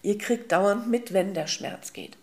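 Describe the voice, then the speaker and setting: A woman as a spiritual teacher, telling a slow, emphatic parable and addressing her listeners as souls and beloved ones, with soft humming fillers. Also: medium pitch.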